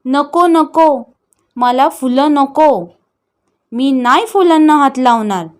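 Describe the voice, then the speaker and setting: A woman's voice: high voice, expressive, slow pace. A woman voicing a grown young woman with a child's mind who speaks with a childish lisp, in an audio story. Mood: childlike.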